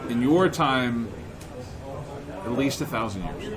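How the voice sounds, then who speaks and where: An ancient undead king played by a male game master makes grave, measured pronouncements in a tabletop fantasy game. The voice is mid-pitched and commanding, with a loud crowd chattering behind. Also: expressive. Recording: noisy room with crowd chatter.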